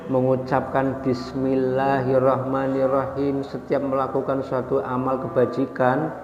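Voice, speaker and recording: A man preaching a sermon to a congregation, telling a story and leading his listeners in slow chanted recitation. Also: completely flat delivery, darkish tone. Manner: storytelling with rising pitch on stressed points. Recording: echoey hall, dull sound, faint background noise.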